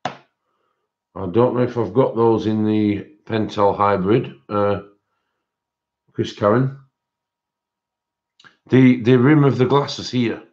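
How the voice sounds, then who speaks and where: A man with a fairly deep voice hosts a casual livestream. He talks to viewers informally, hesitating and thinking out loud as he goes. The sound is dull and lo-fi. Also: steady tone, takes it slowly, pauses often. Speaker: livestream host.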